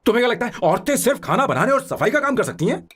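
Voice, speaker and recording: A man's voice: very high-pitched, sing-song, rapid-fire, fairly bright tone, husky, full character voice. A man voicing a lovestruck young hero in a film dub, emotional and pleading. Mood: indignant.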